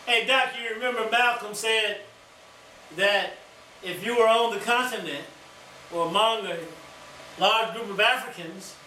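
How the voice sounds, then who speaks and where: A man's voice: sits high, measured pace, pauses often, bright, forceful tone. A man hosting a live radio discussion and call-in, prompting others and asking them to agree. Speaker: radio talk show host. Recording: echoey, distant, noisy radio recording.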